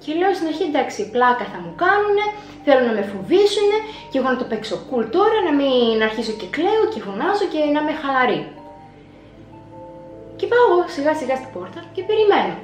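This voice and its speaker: A young woman with a fairly high voice tells a personal story to her vlog audience. She dramatizes her past self as she retells it. The room rings with echo, and soft music plays faintly behind her. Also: sing-song. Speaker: vlogger.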